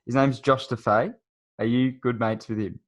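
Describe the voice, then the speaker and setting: A teenage Australian man with an average-pitched voice. He hosts a casual podcast. His way of talking is informal and matey. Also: fairly even intonation, normal speed. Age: late teens. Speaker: podcast host. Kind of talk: casual interview chat.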